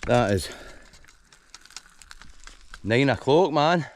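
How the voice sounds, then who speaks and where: A man's voice: medium pitch, animated, very slow. A Scottish man in a casual outdoor vlog, chatty and laid-back, tired after a hard hike, talking by a campfire. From Scotland. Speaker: outdoor vlogger. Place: outdoors by a campfire on a wooded shore.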